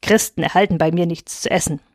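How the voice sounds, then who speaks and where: Storybook casting: vengeful old witch, low and threatening, read by a woman, dry close sound. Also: fairly even intonation, fast, no room sound, lightly acted. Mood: hostile. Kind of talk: storybook reading.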